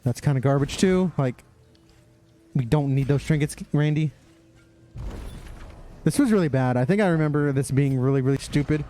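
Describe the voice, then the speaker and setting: A man's voice: on the high side, moderate pace, pauses often, mellow, soft background music. A young man giving casual, sarcastic commentary while playing a game. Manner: sarcastic, mocking, talks to himself. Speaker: streamer.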